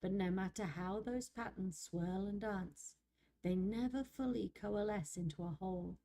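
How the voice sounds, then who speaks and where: A woman voicing a poetic nature spirit who narrates slowly and softly in storybook fashion. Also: mid-range voice, natural voice. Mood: wistful. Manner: slow, soft, lingering storybook narration. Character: dreamy, poetic nature spirit of a moonlit forest glade. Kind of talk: reading a fantasy story aloud on stream.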